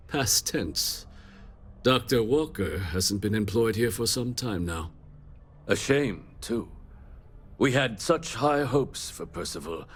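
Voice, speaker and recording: An actor playing a cold, smug trade company manager in a video game, delivering measured villain-like monologue in formal tones. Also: male voice, lowish voice, a little hiss or hum.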